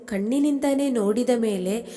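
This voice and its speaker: A woman's voice: fairly high pitch, moderate pace, dark tone, in a large hall, natural voice. A woman voicing a grieving, accusing young wife. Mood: bitter grief. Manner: sobbing, bitter accusations.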